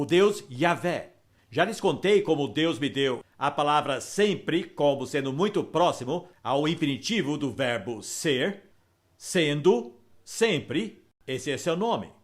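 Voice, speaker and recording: Guy teaching the bible, emphatic and explaining, voice swings up and down a lot. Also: fairly high pitch.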